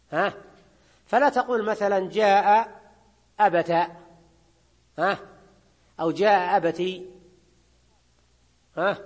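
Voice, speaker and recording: A man with a husky, fairly high voice gives a classroom grammar lecture. He explains step by step and keeps checking in with his listeners with a quick questioning prompt. His voice trails off into a long reverb. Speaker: grammar teacher.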